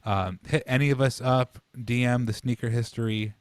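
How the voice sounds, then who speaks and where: A man's voice: mid-range voice, steady tone, normal speed, dry recording, clean studio sound. A man co-hosting a podcast, chatting casually and telling stories with some swearing. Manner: laid-back, chatty storytelling with swearing. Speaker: podcast co-host. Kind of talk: casual chat.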